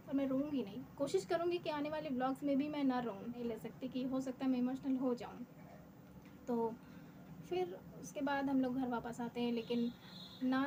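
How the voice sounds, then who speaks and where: A young woman vlogger telling a personal story in a candid, rueful way, half-laughing at times. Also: sits high. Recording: noisy room ambience.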